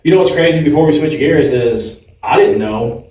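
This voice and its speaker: A man's voice: on the high side, moderate pace, darkish tone. A man co-hosting a podcast, chatting casually in a laid-back way, mostly giving short agreeing replies. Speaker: podcast co-host. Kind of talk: casual chat. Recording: echoey room, distant mic, faint hiss.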